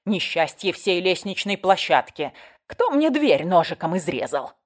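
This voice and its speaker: Woman playing a shrill gossiping neighbor lady. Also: sing-song, measured pace. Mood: shrieking. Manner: shrill, scolding, exclaiming. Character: loud nosy older woman neighbor, gossip.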